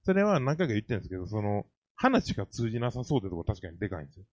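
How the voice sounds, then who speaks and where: A man's voice: fairly low pitch, very animated, racing, no room sound. A man with a Kansai accent hosting a casual chat, asking questions and airing his opinions. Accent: Kansai Japanese. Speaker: talk host.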